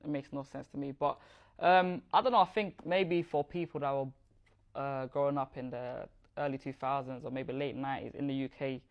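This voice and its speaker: Man, casual interviewee, thoughtful, mid pitch, dull lo-fi sound. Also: steady tone, normal speed. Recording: dull lo-fi clip.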